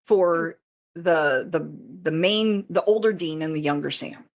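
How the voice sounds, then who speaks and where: A woman with a low voice speaks unhurriedly as an interview guest, a fan fiction author describing her writing process in casual detail. Her explanation is informal and rambling, and she often interrupts herself.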